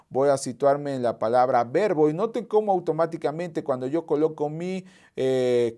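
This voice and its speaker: A man walking viewers through a software tutorial over a screen share, methodical, repeating key points and thinking aloud as he clicks. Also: on the high side. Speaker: software trainer.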